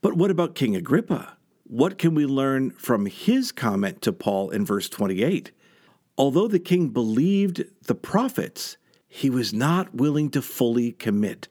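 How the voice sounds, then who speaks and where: A man's voice: mid-range voice, very animated, measured pace, a little mellow. A man teaching a scripture lesson in an earnest way, asking reflective questions and explaining the passages.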